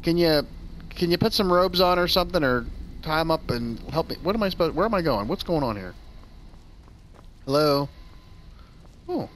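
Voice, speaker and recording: A man doing casual let's play commentary, sarcastic and quick with a joke, swearing offhandedly. His voice sits a little high and swings around a lot in pitch. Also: animated, a bit bright, a little hiss or hum.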